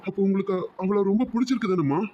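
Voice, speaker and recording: A man's voice: high voice, animated, very fast, mellow, muffled recording, slight background noise. A man voicing a distressed young man in love in a cartoon, confused and pleading with his mother. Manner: pleading, confused, repeating "amma". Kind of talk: cartoon voice acting.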